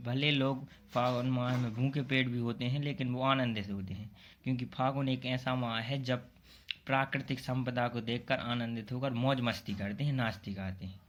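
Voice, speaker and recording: A man's voice: mid-range voice, a bit bright, slight background noise. A man going through exam questions one by one, explaining the answers in plain, casual talk and speaking directly to students. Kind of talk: casual exam-prep lesson.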